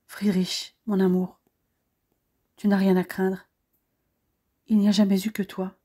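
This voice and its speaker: A woman voicing a loving young French woman, gentle and affectionate. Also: medium pitch, flat delivery, unhurried, husky.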